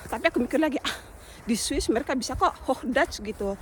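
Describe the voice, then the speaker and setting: A woman from Indonesia talks straight to her viewers in a loose, chatty vlog, leaning on small filler words as she tells a story. Her voice sits fairly high for a woman. A faint noise runs underneath. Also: lively intonation, fairly quick. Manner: chatty, addresses viewers directly with many fillers. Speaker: vlogger.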